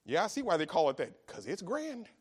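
A grandfather pastor preaching a sermon, dropping to hushed asides and then rising to shouted exhortation. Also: sits high, huge pitch swings, a little fast, breathy edge.

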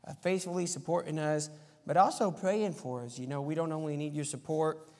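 In a sermon full of anecdotes and prayer, a visiting missionary who grew up in Argentina as a missionary kid speaks informally and plainly to his congregation during a live Sunday service. His voice is fairly high, steady, a little mellow and a bit quick, and the church sanctuary's echo leaves a long reverb.

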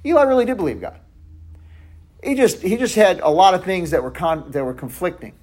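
Man, Bible study teacher, casual talk, self-correcting, fairly high voice. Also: expressive, a little fast. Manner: conversational, with restarts and self-corrections, drops to a near hush at times.

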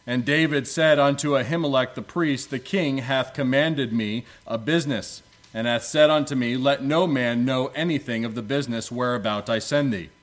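A man leading prayer and reading scripture from a pulpit microphone in a church, in a solemn, measured way with archaic biblical wording. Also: medium pitch. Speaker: preacher.

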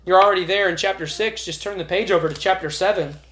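A man's voice: high voice, quick pace, a bit bright, a little hiss or hum. A man preaching a sermon at a church prayer meeting, earnest and growing emphatic as he reads scripture aloud. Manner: earnest, rises to emphatic when reading scripture. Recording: echoey chapel room.

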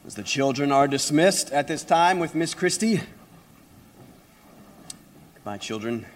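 A man with a hoarse, raspy voice strained by illness, preaching as a pastor with deliberate, emphatic phrasing and rhetorical questions. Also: on the high side, slight background noise. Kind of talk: sermon.

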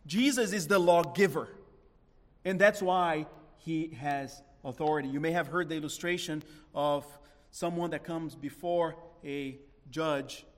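Man, pastor, sermon, high voice, slow deliberate delivery, emphatic swells and hushed drops, long hall echo. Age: adult with a young son.

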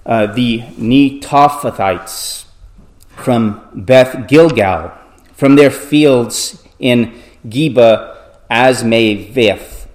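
Male pastor at a pulpit mic, mid-range voice, measured and deliberate sermon delivery. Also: mid-range voice. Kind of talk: sermon with scripture reading and prayer.

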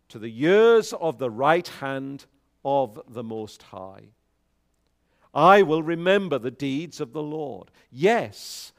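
Slow, deliberate pastor at a pulpit microphone. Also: male voice, a little high. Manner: slow, measured reading with rising emphasis; frequent fillers when speaking freely. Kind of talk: scripture reading and sermon announcements.

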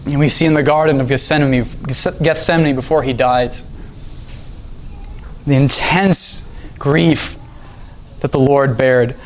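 A man preaching a sermon, reading scripture slowly and deliberately with earnest emphasis. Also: mid-range voice, fairly even intonation, low-quality recording.

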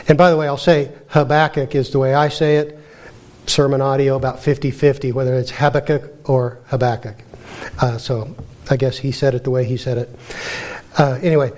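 A middle-aged man with a creaky voice, teaching and praying in a sermon in an earnest, measured way. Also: medium pitch, a little mellow. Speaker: preacher.

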